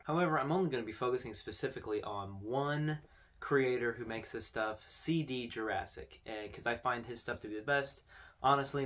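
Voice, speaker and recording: A young man with a medium-pitched, fairly bright voice hosts a video, talking conversationally to camera with casual, informal commentary. He's in a small indoor room with posters.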